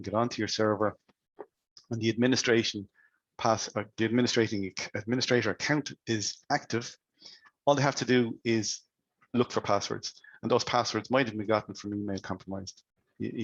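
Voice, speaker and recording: Speaking in a lowish, husky voice with fairly even intonation, an Irish man presents a security webinar, quizzing listeners in quick succession and frequently starting his sentences over. The recording is dry, with the highs cut off.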